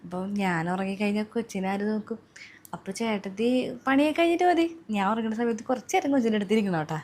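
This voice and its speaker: A woman's voice: medium pitch, animated, quick pace, a little mellow, close to an everyday voice. A woman playing a demanding young new mother who orders her sister-in-law around in a comedy sketch. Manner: bossy, whiny, insistent.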